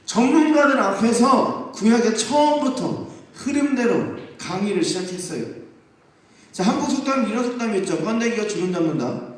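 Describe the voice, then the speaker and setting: A young man preaching to a youth group, telling the story lively and acting out the voices of the people in it. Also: high voice. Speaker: youth pastor. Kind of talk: youth sermon. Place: church sanctuary. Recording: echoey church hall, distant mic.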